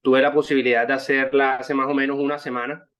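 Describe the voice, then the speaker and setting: In a dull, muffled online call, a thirty-five-year-old network marketing member gives a wordy personal testimonial, circling back over his own phrases. Born in Santa Marta, he speaks with the Barranquilla accent of Colombia's Caribbean coast. His mid-range voice is level, quick and a bit bright.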